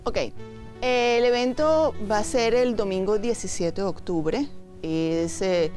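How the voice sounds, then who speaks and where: With faint music behind her, the founder of a women's biker group, who is Venezuelan, speaks slowly in a mid-range voice during a relaxed interview. She's a lively storyteller who performs the voices of the people she quotes.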